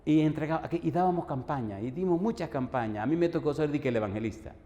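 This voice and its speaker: Man, pastor, lively storyteller voicing every part; mellow tone, long hall reverb. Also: a little high, fast talker, highs cut off. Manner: animated storyteller, acts out the dialogue. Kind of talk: sermon with personal storytelling. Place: church hall. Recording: long echo of a church hall.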